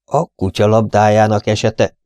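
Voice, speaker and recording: A man reading an audiobook and voicing a fussy, precise older detective who speaks slowly and deliberately. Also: on the low side, flat delivery, mellow, smooth, no echo, studio quality, close to an everyday voice. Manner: slow and deliberate, spelling things out.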